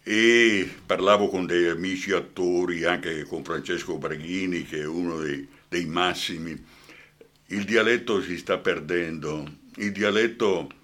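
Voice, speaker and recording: A man's voice: low-pitched, a bit bright. An older man with a Brescian accent, an actor guest in a radio interview, talking passionately and often asking "hai capito?".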